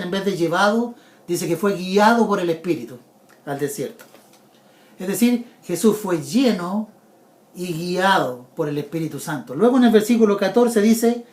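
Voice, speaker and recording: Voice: mid-range voice, darkish tone, reverberant. A preacher giving an earnest sermon, repeating key points and speaking directly to the listener as a brother.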